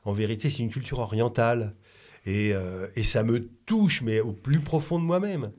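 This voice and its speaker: A man born in France speaks as a radio guest, in a reflective way that often stalls and restarts mid-sentence. His pitch sits in the middle of the range. He keeps building his points with repeated words. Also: darkish tone. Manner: reflective, halting with many restarts. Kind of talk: conversational radio talk.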